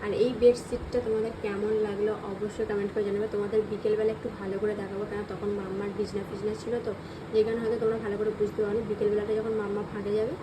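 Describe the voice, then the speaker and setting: A woman with a West Bengal Bengali accent talking quietly and casually to her viewers so as not to wake her sleeping child. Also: mid-range voice, flat delivery, racing, background noise. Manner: speaks softly so the baby keeps sleeping. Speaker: vlogger. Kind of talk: hushed casual vlog talk.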